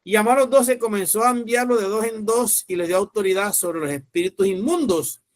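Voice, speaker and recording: A pastor preaching with a notably high voice. He speaks emphatically and with command, urging his listeners on. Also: a little fast, dry recording, clean studio sound. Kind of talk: sermon.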